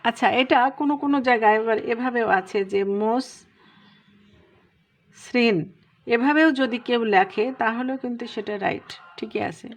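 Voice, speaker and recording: A woman teaching a pronunciation lesson, explaining rules step by step and drawing out each example word slowly. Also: on the high side, faint music behind. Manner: patient, explains step by step, drawn-out example words. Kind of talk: spoken lesson.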